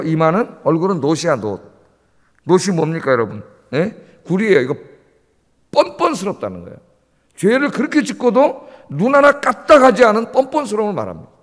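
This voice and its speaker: A male pastor preaches with a lively, swooping delivery, pressing the congregation with rhetorical questions. His voice sits high for a man and rings out with a long church reverb. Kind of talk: early-morning sermon. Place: church sanctuary.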